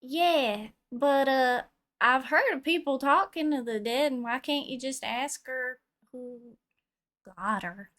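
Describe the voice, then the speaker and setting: A woman's voice: high voice, takes it slowly, fairly bright tone. A woman playing a tabletop game, chatting casually in character.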